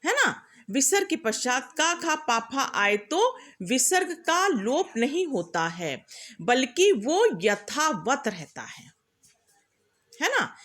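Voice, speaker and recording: A woman's voice: high voice, sing-song, slow pace, fairly bright tone. A middle-aged woman teaching a class, explaining patiently and often checking that her students follow. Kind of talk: classroom lecture.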